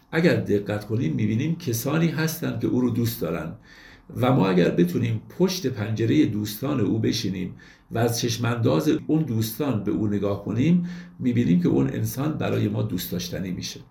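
A man giving a lecture on classical poetry, reciting verses slowly and then explaining them in plain everyday speech. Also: medium pitch, animated, gravelly, mellow, echoey room.

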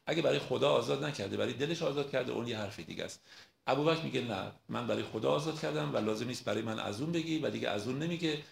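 A man giving a storytelling lecture on mystical poetry, who slows right down and draws out the lines when he recites verse. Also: medium pitch, gravelly. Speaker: lecturer on Rumi. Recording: roomy echo.

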